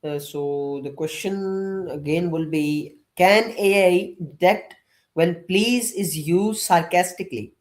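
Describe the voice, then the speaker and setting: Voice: mid-range voice, slow pace. A speaker asking an AI questions in a hesitant way, with frequent "uh" fillers.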